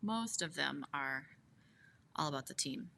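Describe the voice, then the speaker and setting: A woman's voice: low voice, lively intonation, unhurried, vocal fry, sharp tone, slight background noise. A woman who works as an ER nurse, co-hosting a casual podcast, reading out questions and answering bluntly with jokes. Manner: blunt, joking, asks the questions. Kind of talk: casual chat.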